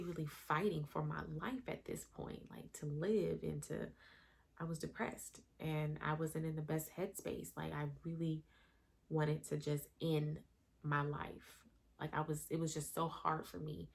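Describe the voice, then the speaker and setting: A woman's voice: low-pitched, creaky. A woman in her thirties telling a candid, emotional personal story in a conversational vlog. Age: 30s. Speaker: vlogger.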